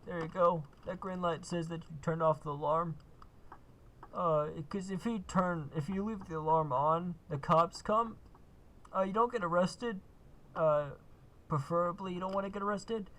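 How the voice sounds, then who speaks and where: A man's voice: high-pitched, normal speed, fairly bright tone. A man giving a laid-back, casual gameplay walkthrough, full of uh and kinda. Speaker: gaming video host.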